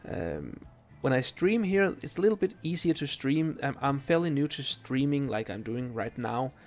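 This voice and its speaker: Halting Danish man streaming a game. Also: mid-range voice. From Denmark. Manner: relaxed, halting, lots of ums and restarts. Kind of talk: live game stream, chatting with viewers. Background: faint game music.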